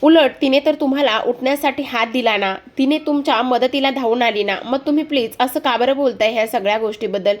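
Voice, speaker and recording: A woman's voice: high-pitched, brisk, few pauses. A woman voicing a young woman who pleads with her mother to stop blaming someone. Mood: pleading.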